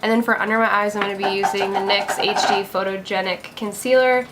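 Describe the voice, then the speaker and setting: A woman's voice: medium pitch, fairly even intonation, a little fast, heavy background noise. A young woman talking casually through a makeup tutorial, upbeat and chatty, full of "like" and "gonna". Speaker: beauty vlogger.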